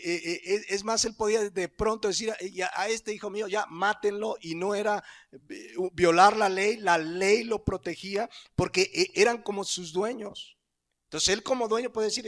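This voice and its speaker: A pastor with a Mexican Spanish accent preaching a sermon. His voice sits high for a man, and he teaches in a conversational way, turning often to the listeners with rhetorical questions. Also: fairly bright tone.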